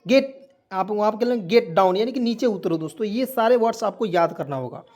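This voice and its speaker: A man's voice: high voice, animated. A man from rural India teaches English to Hindi speakers, sounding out each letter and then drawing out every meaning word by word. He keeps checking in with the listeners. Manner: spells letters out and repeats meanings slowly, keeps asking "okay?". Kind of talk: Hindi lesson spelling out English phrases.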